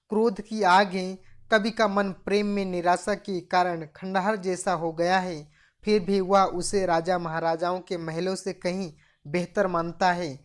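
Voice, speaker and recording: A woman teaching a Hindi poetry lesson, reciting each verse and then explaining it line by line, sometimes louder and emphatic. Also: lowish voice. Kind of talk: explaining a poem for a class lesson.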